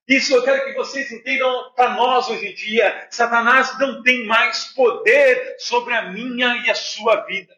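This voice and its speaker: A middle-aged Brazilian man preaching a sermon with a Brazilian Portuguese accent, animated and conversational, telling personal stories to his congregation. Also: very high voice. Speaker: pastor. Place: church hall. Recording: echoey church, dull lo-fi sound.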